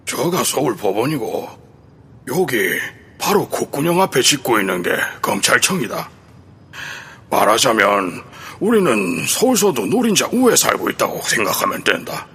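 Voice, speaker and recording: A man playing a raspy father. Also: medium pitch, big pitch swings, normal speed, a bit bright, heavily acted. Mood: lecturing. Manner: lecturing, folksy. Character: rural father lecturing his kids.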